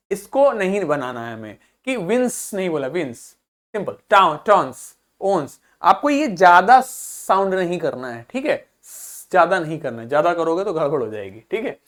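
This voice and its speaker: Man, teacher, classroom pronunciation lesson, slow repeated words, stressed syllables, patient. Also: high voice, very animated, a bit bright. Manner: patient, checks understanding often.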